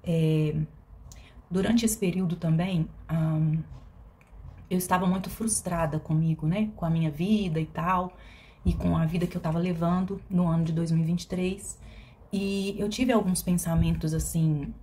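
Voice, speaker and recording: A woman's voice: lowish voice, steady tone, normal speed, warm tone. Reflective mineira woman, hesitant speech. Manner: reflective and hesitant, with many fillers and restarts. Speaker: vlogger. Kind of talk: personal confessional vlog.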